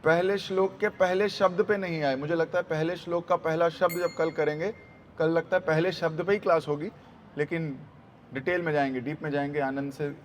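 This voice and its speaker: A man preaching a sermon, telling a devotional story in an animated, dramatic way. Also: a little high, normal speed, slight background noise.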